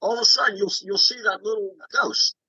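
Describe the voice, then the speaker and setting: Guy calling in on his cell phone to a conference call, kinda high voice, dull phone-ish audio, stumbles and repeats himself. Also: steady tone, bright, forceful tone, husky, no echo. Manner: halting, repeats words and restarts often. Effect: conference call over a cell phone. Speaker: woodturning club member showing his work. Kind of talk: casual chat on a group call.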